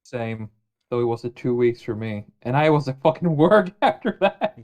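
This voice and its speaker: A man's voice: medium pitch, lively intonation, moderate pace, a little mellow. A man co-hosting a podcast over a remote call, teasing the others and making fun of himself. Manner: teasing, self-mocking. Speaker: podcast co-host. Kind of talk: casual chat.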